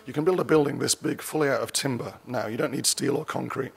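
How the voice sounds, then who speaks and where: Speaking fast in a gravelly, slightly rough mid-range voice, a keynote speaker in his forties addresses a conference from the lectern, picked up by its mic. He keeps things conversational, fixing his words mid-sentence and dropping dryly wry remarks.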